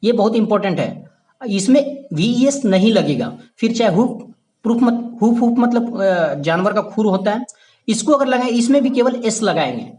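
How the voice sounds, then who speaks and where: A man's voice: high voice, lively intonation, normal speed, warm tone. Male tutor, patient lesson delivery, repeats himself for emphasis. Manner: repeats key points, checks in with "ठीक है"; addresses viewers as "my dear friend". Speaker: English grammar teacher. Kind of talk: classroom grammar lesson.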